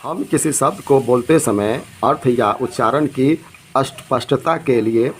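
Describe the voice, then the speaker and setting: Slow-speaking male quiz teacher. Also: mid-range voice, poor audio. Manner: reads each question and options, then gives the answer. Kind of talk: exam quiz lesson.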